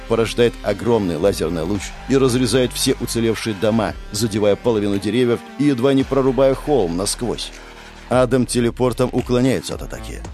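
A man giving expressive first-person narration of a dramatic audiobook, recorded on a dry close mic with faint music. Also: mid-range voice.

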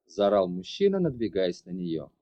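Low, lively male narrator. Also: normal speed, dry recording, highs cut off. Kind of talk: audiobook narration.

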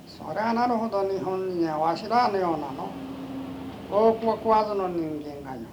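High-voiced old man, western Japanese dialect. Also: moderate pace. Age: older. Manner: opinionated, folksy elder speaking emphatically. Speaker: oral history interviewee, stone collector. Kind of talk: conversational reminiscence. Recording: noisy amateur interview tape.

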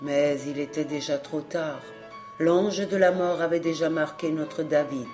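Brief: measured, solemn reader of a classic novel, faint background music. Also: mid-range voice, steady tone, a little mellow. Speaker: audiobook reader. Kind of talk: literary audiobook narration.

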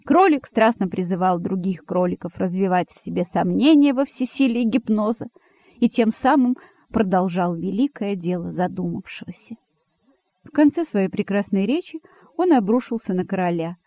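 A man's voice: sits high, expressive, normal speed, no echo. A man narrating a storybook expressively, on a dry, phone-like recording. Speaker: audiobook narrator. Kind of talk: scripted narration. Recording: dry, phone-like narrow sound.

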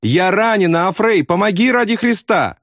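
A man's voice: high voice, expressive, moderate pace, gravelly, fairly bright tone, no echo, pitched above the performer's own voice, heavily acted. A man voicing a panicked wounded young airman who pleads for help, close to tears.

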